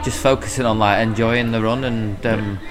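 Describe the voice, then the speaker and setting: A man's voice: fairly low pitch, fairly even intonation, moderate pace. British man hosting, faint music behind. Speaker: podcast host. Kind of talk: casual interview hosting, reading listener questions.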